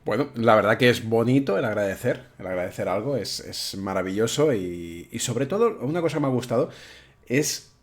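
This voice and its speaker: A man's voice: mid-range voice, lively intonation, a little fast. A man hosting an interview, asking questions in a friendly, encouraging way with short affirmations. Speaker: interview host. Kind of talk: conversational interviewing.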